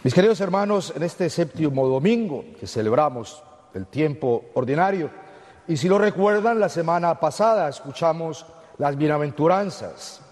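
A man leads Mass as a priest, proclaiming and preaching solemnly to the congregation. His voice sits a little high. Each phrase rings with the long reverb of a cathedral-like church. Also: lively intonation, moderate pace, a little mellow. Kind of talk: liturgical Gospel reading and homily. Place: large church, amplified, cathedral-like echo.

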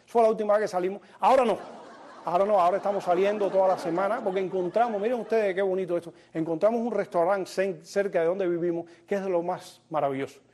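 A man's voice: high-pitched, fast, a crowd in the background. A man hosting a show and doing a stand-up monologue, joking and talking straight to the audience. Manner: joking, addresses audience directly. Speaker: comedian host.

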